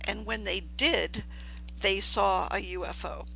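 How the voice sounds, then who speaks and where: A woman's voice: mid-range voice, fairly even intonation, a little slow, gravelly, sharp tone, breathy edge, rough recording. A woman hosting a live radio talk show and introducing and questioning a guest. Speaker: paranormal talk show host.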